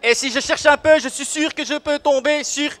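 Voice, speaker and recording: A man playing a brash, swaggering, bigoted police officer in a live comic sketch, mocking and bursting into sudden shouts. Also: very high-pitched, fairly even intonation, moderate pace, some chatter behind. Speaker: comedian at a live event. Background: faint audience in a room.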